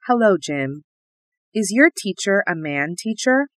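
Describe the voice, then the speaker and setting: Slow, carefully spoken woman test reader. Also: medium pitch, animated, a bit bright, no echo. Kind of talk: scripted listening test reading.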